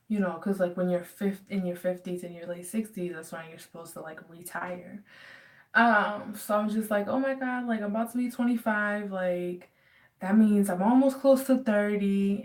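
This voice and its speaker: Chatty young woman, distant mic. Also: mid-range voice. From United States. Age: 20s. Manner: chatty, rambling with many ums and likes. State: dry throat. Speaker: vlogger. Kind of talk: casual Q&A vlog. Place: home.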